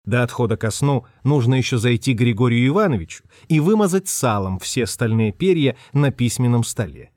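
A man narrating a storybook with an expressive, dramatic delivery. His pitch moves a lot, and the recording is close and dry. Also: brisk, few pauses, no room sound.

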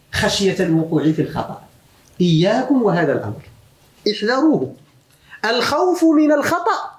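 A man's voice: high voice, darkish tone, roomy sound. A man with a Moroccan accent teaching grammar in a classroom lecture, often putting questions to his students and mixing formal speech with dialect. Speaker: religious teacher of Arabic grammar.

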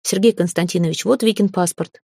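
Woman voicing a calm, formal young groom. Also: fairly low pitch, a little fast, creaky, breathy edge, no echo, clean studio sound. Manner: composed and formal. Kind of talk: audiobook reading.

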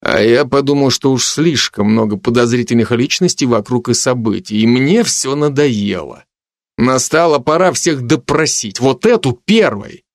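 A man narrating a first-person fantasy audiobook in a measured way, turning stern for commands. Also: mid-range voice, lively intonation, no room sound, clean studio sound.

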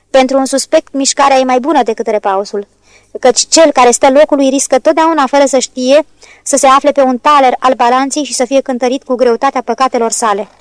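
A woman's voice: high voice, no echo, natural voice. A woman voicing a timid, cringing middle-aged merchant who pleads and defends himself in a storybook reading.

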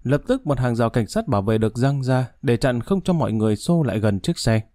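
A man narrating a story audiobook in a steady, measured way. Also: mid-range voice, dry recording, studio quality.

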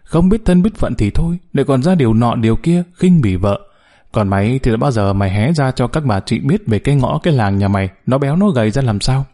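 A man's voice: medium pitch, expressive, a little fast, warm tone. A man voicing a blunt, street-hardened young mother who talks in a coarse, scornful way.

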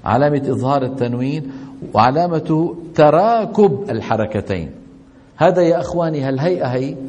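A man's voice: on the high side, mellow. Man teaching a class. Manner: asks the class questions and answers them himself. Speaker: Quran recitation teacher. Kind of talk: classroom lesson on tajweed.

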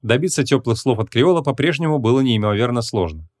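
Guy reading an audiobook, steady and even, mid pitch. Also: quick pace, no room sound, studio quality. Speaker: audiobook narrator. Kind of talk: scripted audiobook narration.

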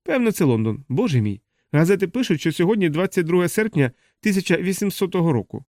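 Rowdy young male cousins, as a male narrator acts them out, shouting with excitement in an audiobook. The voice is pushed far up in pitch, loud and eager. Close, dry recording. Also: fast, no room sound. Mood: amazed. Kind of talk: audiobook character voice.

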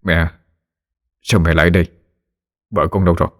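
A man voicing a poor grieving fisherman father who talks softly and stammers a little. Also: sits low, flat delivery, moderate pace. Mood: reassuring. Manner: soft, stammering, subdued.

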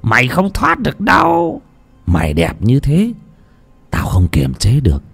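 A man voicing a lecherous old village chief with a gruff, slurred, wheezing voice. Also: medium pitch, huge pitch swings, a little slow, fairly bright tone, faint music behind, pitched above the performer's own voice, exaggerated voice. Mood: menacing.

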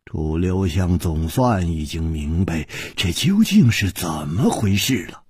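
A man telling a wuxia novel in a slow, dramatic storytelling style. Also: expressive, a little mellow, breathy edge, dry recording, clean studio sound. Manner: slow, dramatic narration with wide pitch swings.

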